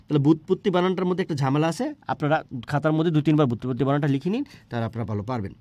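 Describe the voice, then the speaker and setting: Fast-talking man teaching spelling. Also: a little high, dark tone, dry recording. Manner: explains patiently, asking and answering his own questions. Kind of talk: spelling lesson for exam prep.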